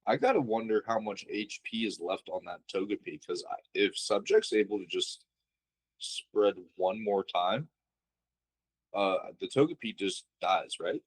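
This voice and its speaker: A man's voice: on the low side, expressive, unhurried, breathy edge, rough recording. A man commentating on a card game match, thinking aloud and asking analytical questions about the plays.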